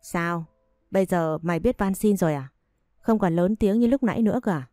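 A woman's voice: a little fast, mellow, no echo, clean studio sound, close to an everyday voice. A woman reading as a cruel scolding mother-in-law. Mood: scornful, scolding. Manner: shrill insulting scolding. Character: harsh scornful older mother-in-law, domineering woman.

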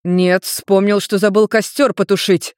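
A woman's voice: fairly low pitch, normal speed, no echo, clean studio sound, close to an everyday voice. A woman doing a breezy, scatterbrained male demon. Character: carefree red-haired male demon, centuries old.

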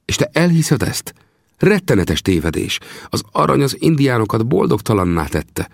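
A man's voice: medium pitch, sing-song, vocal fry, breathy edge, no echo, studio quality, voice pushed up, heavily acted. A man voicing a proud, earnest young male Apache chief in an audiobook, speaking solemnly and with reproach. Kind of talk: audiobook character voice.

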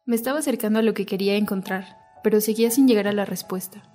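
Female narrator-host, reflective scripted read, mellow tone, soft music bed. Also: mid-range voice, fast talker. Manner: reflective, intimate.

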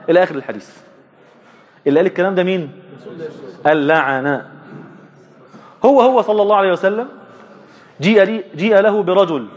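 A man with an Egyptian Arabic accent teaching a religious lesson, asking his listeners questions and answering them himself, stretching key words slowly for emphasis. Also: sits high, highs cut off.

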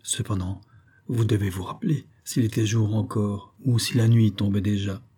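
A man's voice: fairly low pitch, steady tone, dark tone, slightly rough. A man as a stern, probing judge. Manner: measured, probing. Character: probing male investigating judge, measured and stern.

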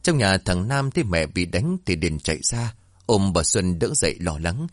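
A man tells a dramatic family story in a low, expressive voice. His pitch moves up and down a great deal. The recording is close and dry. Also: normal speed, no echo. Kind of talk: scripted story narration.

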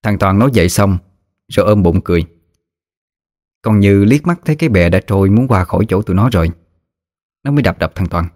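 A man telling a ghost story, in a relaxed, folksy way. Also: lowish voice, brisk, long pauses, dry recording, studio quality.

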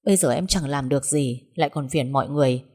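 A woman's voice: extremely low pitch, fast talker, a little mellow. A woman voicing an injured, bedridden young man who speaks weakly and blames himself. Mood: despairing. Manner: weak, self-pitying.

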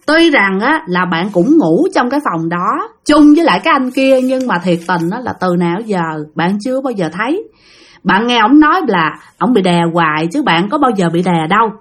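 A woman's voice: fairly high pitch, fairly bright tone. A woman with a Southern Vietnamese accent telling a ghost story in a chatty, casual way, often speaking directly to listeners.

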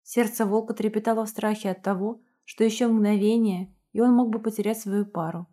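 A woman narrating an audiobook at a mid pitch for her sex, steady and even. Her reading is plain and unhurried. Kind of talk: reading a romance novel aloud.

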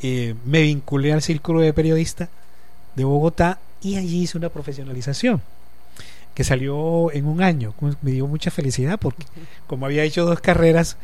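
Guesting on a laid-back radio show, a Colombian journalist and lecturer in his fifties speaks with a Caribbean coast accent and a slightly raised pitch for a man. He works through lengthy, reflective answers, stopping often and using small fillers while he thinks.

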